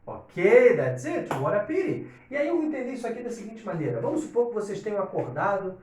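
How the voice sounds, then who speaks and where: A man's voice: high voice, big pitch swings, quick pace, darkish tone, slight background noise. A man teaching an English lesson to Portuguese speakers, explaining step by step and often checking in with his students. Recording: echoey room, distant from mic.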